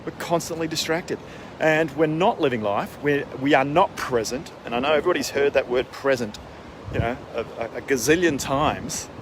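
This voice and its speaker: Male coach, conversational and emphatic, medium pitch, recorded outdoors with strong wind and water noise. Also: moderate pace. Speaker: wellness coach for executives. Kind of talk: casual spoken advice vlog. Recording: windy outdoor mic, boat and water noise.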